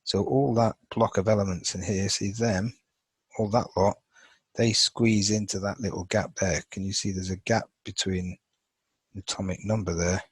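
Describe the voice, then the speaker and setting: A man with a lowish, slightly husky voice walks through a chemistry lesson, thinking aloud as he marks up a chart. He talks in a loose, unscripted way, full of fillers and restarts. The sound is dry and close. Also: steady tone, moderate pace, no room sound, poor audio. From England. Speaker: chemistry teacher. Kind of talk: informal lesson over a drawn screen.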